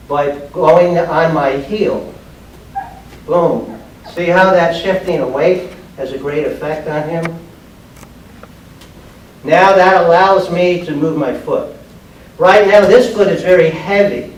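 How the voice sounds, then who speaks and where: A judo instructor in roughly his sixties, with a voice a little on the high side, explains a martial arts demonstration step by step in short, plain phrases. A distant camera mic records him in a large, bare, padded indoor training room, giving an echoey sound with background noise.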